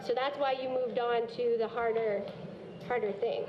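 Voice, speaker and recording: A woman from a school program narrating a video and coaching students in an encouraging, gently corrective way. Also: fairly high pitch, fairly even intonation, moderate pace, noisy background. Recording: dull lo-fi video audio with music. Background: background music.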